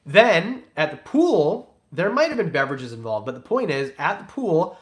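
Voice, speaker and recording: A man's voice: a little high, big pitch swings, moderate pace. A young man hosting a casual reptile livestream, reading out donations and chatting in a loose, jokey, rambling way. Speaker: reptile breeder and channel host.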